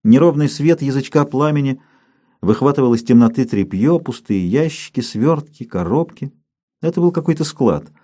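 A man reading an adventure story aloud in measured, even audiobook narration. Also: mid-range voice.

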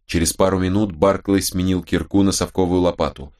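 This is scripted audiobook narration of a novel, read by a male narrator. His voice is very low and deep, and his pace stays even and measured throughout.

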